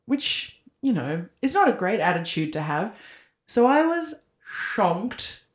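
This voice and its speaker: A woman's voice: medium pitch, big pitch swings, slow pace. A woman in her thirties, co-hosting a podcast in a casual, rambling chat full of likes and ums. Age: 30s. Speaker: podcast co-host. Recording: echoey room.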